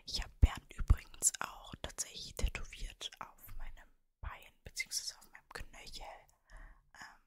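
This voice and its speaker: A woman in her early twenties with a Mannheim German accent, whispering casually in an ASMR style, very close to the microphone. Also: unhurried. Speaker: ASMR creator and streamer. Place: cosy bedroom, indoors. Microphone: desktop microphone, very close.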